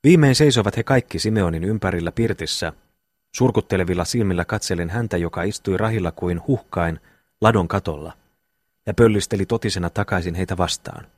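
Man, low voice, audiobook narrator, measured old-fashioned reading, dry sound. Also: dry recording. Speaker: audiobook reader.

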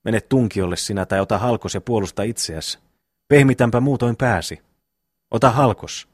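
A man's voice: fairly low pitch, husky, dry recording, studio quality. A man reading the lines of a hot-tempered eldest peasant brother who speaks bluntly. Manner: blunt, quick to threaten.

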